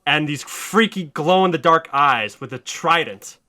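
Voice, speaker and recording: A man hosting a podcast, telling a story in excited casual chat, swearing a lot and rising to near shouts. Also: on the high side, unhurried. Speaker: podcast host.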